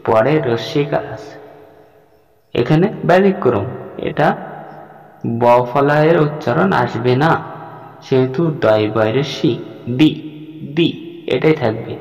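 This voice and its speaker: A man with a Bengali accent teaching Sanskrit pronunciation, breaking words apart syllable by syllable. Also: mid-range voice. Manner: slow, syllable-by-syllable spelling out of words. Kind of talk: spoken lesson on recitation. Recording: echoey, dull room recording with soft music.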